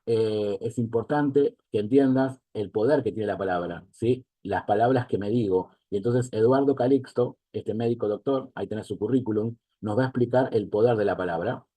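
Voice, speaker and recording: A man with a Rioplatense Spanish accent gives an online mentoring lesson as a life coach, speaking at a normal pace with few pauses. His voice is on the low side, dark and husky, with no room sound, and he keeps asking the listener to agree and confirm they follow.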